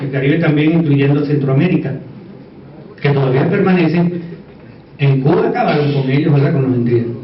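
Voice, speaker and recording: A man with a Puerto Rican Caribbean Spanish accent speaks in a slightly high voice, lecturing informally with asides. He repeats key words and seeks agreement. The recording is dull and picked up from a distance. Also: brisk, long pauses. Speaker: conference speaker. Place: echoey indoor conference room. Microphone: distant microphone. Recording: echoey room, distant dull mic, faint noise.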